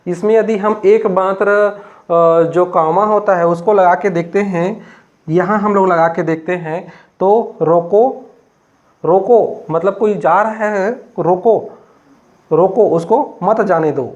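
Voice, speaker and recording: Guy teaching biology w a chhattisgarh hindi accent, highish voice, keeps repeating stuff, kinda dull lo-fi sound. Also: fairly even intonation, takes it slowly. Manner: repetitive, explains step by step with many fillers. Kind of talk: classroom lecture.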